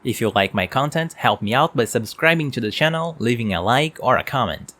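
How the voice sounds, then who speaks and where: A man's voice: medium pitch, expressive, fairly quick, fairly bright tone. A man giving a plain, explanatory product review at his home work desk, speaking into a desk mic on an arm. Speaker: tech reviewer.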